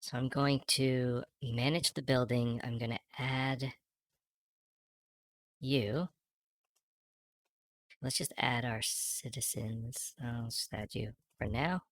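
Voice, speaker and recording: A man whose voice runs through a pitch-shifting voice changer that turns it into a high, chipmunk-like voice, chatting casually as a streamer co-host. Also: fairly even intonation, slow pace, pauses often, no room sound, studio quality. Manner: chatty, thanks viewers, giggly. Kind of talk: casual chat while playing a game.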